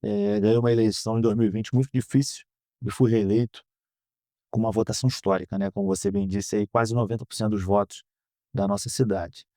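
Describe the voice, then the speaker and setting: A Brazilian man in his thirties answering interview questions in an earnest, measured way, often ending phrases with a questioning tag. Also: lowish voice, steady tone, warm tone, dry recording, studio quality. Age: 30s. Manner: earnest, measured, frequent "né?" tags. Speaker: guest, politician. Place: podcast studio.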